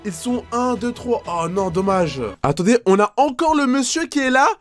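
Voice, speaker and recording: A man reacting to videos as a YouTuber, giving excited commentary full of exclamations and gasps. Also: very high-pitched, normal speed, soft background music.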